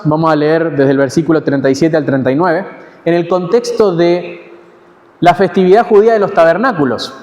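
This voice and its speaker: A man with an Argentine accent preaching an expository sermon in a measured, teaching way, pausing and correcting himself now and then. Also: sits high, a little mellow. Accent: Argentine Spanish. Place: church hall. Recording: long church hall reverb.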